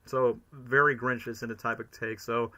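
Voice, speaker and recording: A man's voice: medium pitch, flat delivery, normal speed, pushed and bright. A man giving casual, chatty reaction commentary as a streamer. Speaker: streamer, cosplayer.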